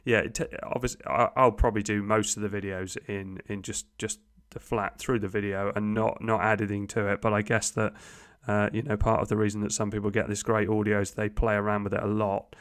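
A man's voice: lowish voice, level tone, a little fast. A man hosting a casual gear review at his home desk, rambling with many uhs and restarts, into a USB podcast mic. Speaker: tech video host. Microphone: USB podcast microphone.

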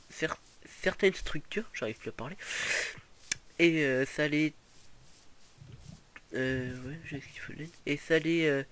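A man's voice: on the high side, fairly bright tone. A young man giving casual gameplay commentary, rambling with lots of fillers and restarts. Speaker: gaming video host.

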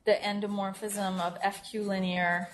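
A woman teaches a math class in a lecture room, talking in a relaxed, unpolished way. She keeps checking in with her listeners and fixes her own phrasing mid-sentence as she writes on the board. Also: mid-range voice, unhurried, slight background noise. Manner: informal, checks in with "right?", self-correcting. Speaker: mathematics lecturer.

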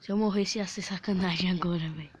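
A woman hosting a gaming channel, giving casual commentary while she plays a mobile game. She is excitable, exclaiming loudly and then dropping to whispers as she plays. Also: on the low side, fast talker, slight background noise.

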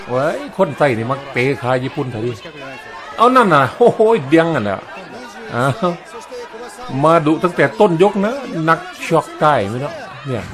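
Joking Isan-accented man calling a fight. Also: a little high. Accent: Northeastern Thai (Isan). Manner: joking, chatty, chuckles often. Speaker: fight commentator. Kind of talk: humorous play-by-play commentary. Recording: crowd noise from fight footage.

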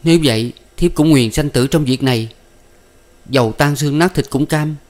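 A man voicing a gentle young wife in her twenties, speaking tenderly and in anguish in a story reading. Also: mid-range voice, normal speed, pitched above the performer's own voice, natural voice. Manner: tender, then anguished pleading.

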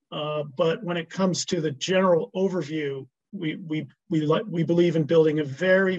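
A man's voice: fairly high pitch, lo-fi sound. A man presenting a ski program on a video call, hesitant with many restarts and fillers.

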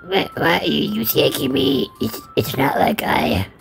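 A man's voice: mid-range voice, sing-song, a little slow, gravelly, fairly bright tone, faint music behind, full character voice. A man voicing a prickly, defensive teenage schoolgirl in a sulky put-on voice while reading a visual novel aloud. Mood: huffy. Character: huffy, prickly teen schoolgirl.

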